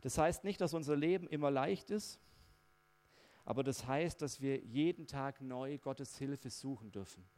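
A man's voice: mid-range voice, measured pace, darkish tone. A man preaching a personal testimony sermon, talking in a conversational, reflective way with frequent fillers.

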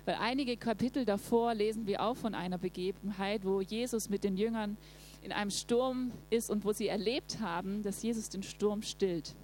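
Woman, devotional talk, lively, frequent laughter, acts out quotes, mid pitch, faint hum behind. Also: moderate pace, rough recording. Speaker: preacher.

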